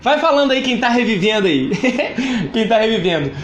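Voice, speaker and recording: Brazilian man in his thirties, very high voice, emphatic faith testimony, echoey room. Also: very animated, moderate pace, fairly bright tone, a little hiss or hum. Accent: Brazilian Portuguese. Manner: emphatic and repetitive, often greets viewers by name. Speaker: church speaker sharing his testimony. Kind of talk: personal testimony to live viewers.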